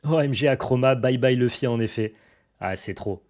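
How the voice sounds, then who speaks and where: A young adult man with a medium-pitched, somewhat dark voice talks at a normal speed. He's a card collecting YouTuber chatting casually and enthusiastically to the camera as he shows off the cards he bought, with lots of fillers and restarts.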